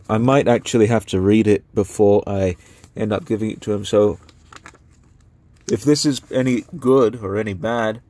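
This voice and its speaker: Low-voiced rambling young man. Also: steady tone, dark tone. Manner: rambling, filler-heavy, unhurried. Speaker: book vlogger. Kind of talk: casual spoken book review.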